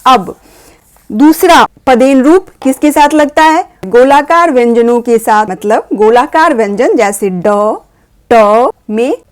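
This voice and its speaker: A woman patiently explaining a grammar lesson to parents, slowly sounding out letters. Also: a little high. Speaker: teacher guiding parents.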